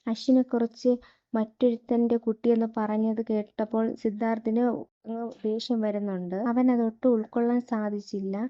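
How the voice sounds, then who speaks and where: Woman narrator, serial recap; monotone delivery, lo-fi sound. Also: a little high, normal speed. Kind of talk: scripted story retelling.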